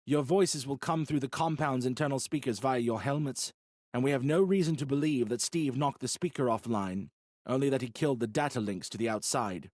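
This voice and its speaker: A calm, earnest leader , as a male narrator voices him, explains the risks in a steady, patient way. His pitch sits in a middle range, a touch above the narrator's own, and the recording is close and dry. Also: brisk, no echo, close to an everyday voice.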